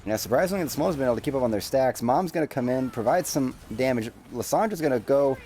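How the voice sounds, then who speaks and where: A man calling a video game match play-by-play, quick and jokey, getting louder in big moments. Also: medium pitch, slight background noise. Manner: rapid play-by-play, jokey banter, rises excitedly in big moments. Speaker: esports play-by-play caster. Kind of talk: live game commentary.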